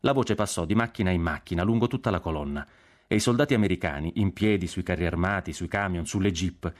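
Deep-voiced man reading a novel. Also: fast talker. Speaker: audiobook narrator. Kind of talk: literary audiobook narration.

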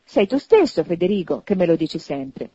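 A woman's voice: lowish voice, big pitch swings, moderate pace, mellow, husky, dry recording, highs cut off. A woman voicing an earnest, indignant young wife in a storybook reading. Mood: insistent. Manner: exclaiming, heated.

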